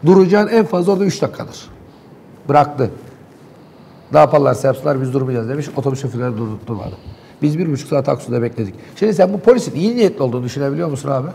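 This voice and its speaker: A man's voice: medium pitch, lively intonation, racing, vocal fry, mellow, slight background noise. A man in a local TV studio, animatedly and indignantly recounting events in heated talk.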